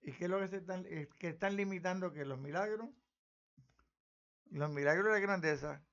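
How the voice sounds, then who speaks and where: A man preaching on scripture in a fiery, challenging way that rises into loud declarations. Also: high-pitched, normal speed, muffled recording. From Puerto Rico.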